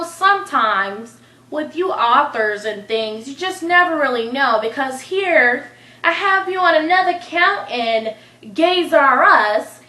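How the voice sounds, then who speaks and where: A woman playing a prying high-voiced interviewer. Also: sharp tone, full character voice. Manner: slow, probing, insinuating. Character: probing female talk-show interviewer. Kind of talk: amateur skit role-play. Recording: echoey room.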